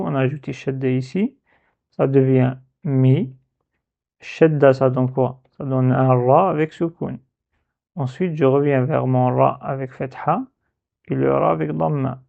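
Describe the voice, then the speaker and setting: A man teaching Arabic letter reading in a slow, patient step-by-step lesson, drawing out each syllable. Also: medium pitch, creaky. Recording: tinny phone-like sound.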